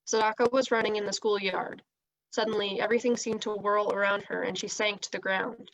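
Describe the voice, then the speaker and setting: A woman reads a children's novel aloud in a steady, expressive storytelling voice pitched in an ordinary middle range. She reads a little fast with some vocal fry, and the sound is lo-fi.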